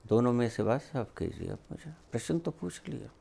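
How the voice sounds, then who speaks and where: A man giving a spiritual discourse, asking rhetorical questions and scolding in an emphatic, deliberate way. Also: medium pitch, very animated, creaky, mellow, slight background noise. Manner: slow with long pauses. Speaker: spiritual teacher.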